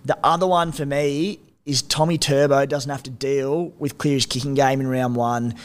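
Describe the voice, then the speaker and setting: An Australian man co-hosting a sports podcast, chatting casually in a broad, slangy, blokey way. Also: medium pitch. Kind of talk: casual fantasy rugby league chat.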